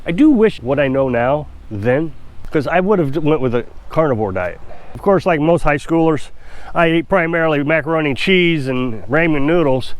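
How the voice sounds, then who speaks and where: The audio is poor as a congested Missouri man, an off-grid homestead vlogger nursing a cold, rambles to camera. He speaks animatedly at a moderate pace in a slightly high voice, chatty, self-assured and full of opinions.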